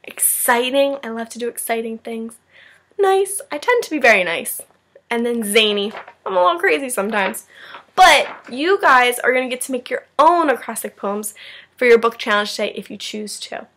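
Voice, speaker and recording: Reading a children's story to her class, a female teacher chats encouragingly and checks in with her listeners between expressive passages. Her voice sits on the high side, animated and fairly bright, at a normal pace.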